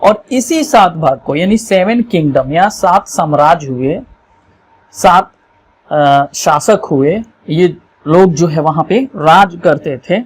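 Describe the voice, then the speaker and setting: A teacher, giving an exam revision lesson over a map, explaining slowly and often checking that students follow. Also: mid-range voice, expressive, a little hiss or hum.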